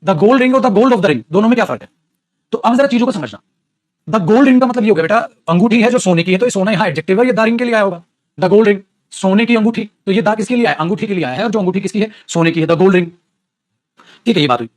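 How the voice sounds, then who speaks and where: A lively man teaching a grammar class. His voice sits high and swoops about as he jokes with the students. The close, dry recording has no room sound. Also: fast talker, dry recording. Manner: animated, teasing, calls students beta. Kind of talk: classroom grammar lesson in Hindi.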